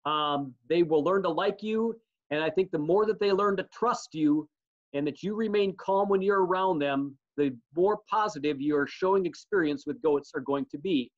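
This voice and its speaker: A male extension instructor giving a slideshow lesson on raising show goats, talking in a relaxed, practical way with plenty of ums. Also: on the high side, moderate pace. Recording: dull lo-fi audio.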